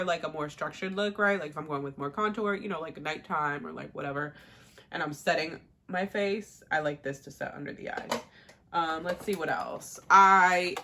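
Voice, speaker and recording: Young woman vlogger, bright and chatty, slightly low voice, rambling makeup chat. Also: a little hiss or hum. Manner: chatty, rambling, with fillers and laughs. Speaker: beauty vlogger. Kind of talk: casual makeup tutorial chat.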